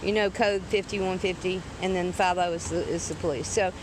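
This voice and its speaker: A woman's voice: fairly low pitch, steady tone, moderate pace. A woman with a rural Southern US drawl chatting casually, talkative, folksy and emphatic. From Tennessee, southern United States. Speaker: independent journalist filming police encounters. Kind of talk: casual conversation. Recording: outdoor street recording with clear traffic noise.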